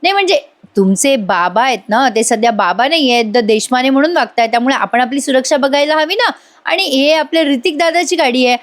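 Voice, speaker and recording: A woman's voice: high-pitched, lively intonation, a little fast. A woman voicing a cheerful, talkative young husband who jokes and boasts, in a serial recap. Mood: upbeat. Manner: boastful, chatty.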